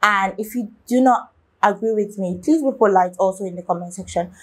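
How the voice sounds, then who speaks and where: A woman's voice: mid-range voice, slightly rough. Rambling woman hosting a reaction video. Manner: rambling, halting, with many restarts and fillers; talks straight to viewers, asking their opinion. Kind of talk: casual reaction commentary.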